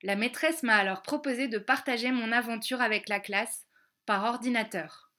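A woman reading a children's storybook aloud, slowly and carefully spelling out each word, with little English lessons woven in. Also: on the high side, pushed and bright. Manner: slow, careful, clearly spelled-out words. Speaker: audiobook reader.

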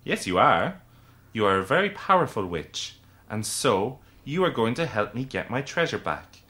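A man's voice: mid-range voice, sing-song, measured pace, bright, forceful tone. A man voicing a small, theatrical, impatient male leprechaun in an audiobook. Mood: exasperated. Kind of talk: audiobook character voice.

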